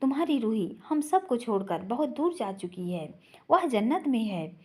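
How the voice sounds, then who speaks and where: A woman voicing a sorrowful middle-aged mother, gently and tearfully consoling her son. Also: fairly high pitch, big pitch swings, normal speed.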